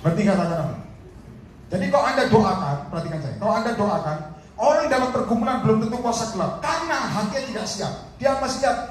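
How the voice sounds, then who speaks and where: A man preaching a sermon as an evangelist, animated and repeatedly addressing the congregation directly. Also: high-pitched, fast. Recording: echoey hall from far off, faint noise.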